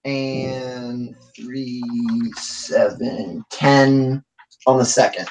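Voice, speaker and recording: A man's voice: mid-range voice, fairly even intonation, extremely slow, darkish tone, slight background noise, poor audio. A man playing a tabletop game, chatting casually in an insistent, mischievous way.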